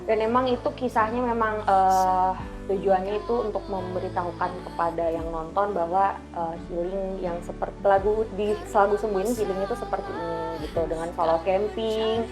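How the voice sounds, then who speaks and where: A woman's voice: mid-range voice, fairly even intonation, normal speed, hardly any pauses, over music. A nineteen-year-old woman singer, a guest on a casual TV interview, friendly and earnest as she explains at length. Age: teens.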